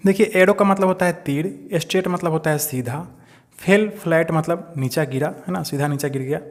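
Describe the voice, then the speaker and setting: A male teacher with a fairly high voice, walking students through a text. He reads the English slowly, then explains each line in Hindi and keeps asking quick questions. The sound has a long reverb tail, as if recorded in a hall. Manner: checks in often with rhetorical questions.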